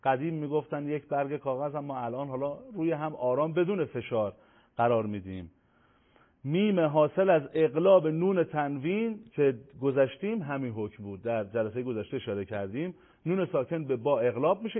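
Man teaching tajweed over tinny audio. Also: medium pitch. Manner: measured, slows down to spell out examples. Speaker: Quran recitation teacher. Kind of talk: tajweed lesson, explaining and reciting examples.

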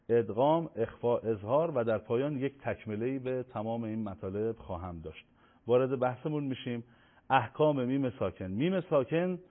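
Male teacher, measured tajweed lesson, slows down to recite examples; thin phone-like sound. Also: mid-range voice. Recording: tinny phone-like audio.

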